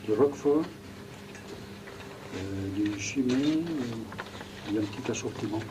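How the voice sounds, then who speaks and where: A man's voice: fairly low pitch, measured pace. A man working as a waiter, politely taking an order, picked up by a hidden mic. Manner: polite service talk. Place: restaurant. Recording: distant, noisy hidden-mic restaurant recording.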